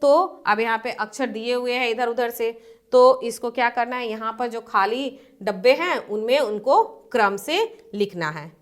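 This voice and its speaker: A woman with a slightly raised pitch teaches a primary-school lesson. She moves through each point step by step, asking questions and answering them herself, and repeats key definitions. Her delivery is patient and steady. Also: normal speed. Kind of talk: classroom lesson.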